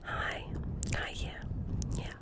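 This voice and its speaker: Whispered New Jersey receptionist role-play. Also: slow pace. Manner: rambling, earnest, repeats phrases and often checks in. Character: chatty, dreamy, earnest receptionist at a doctor's office.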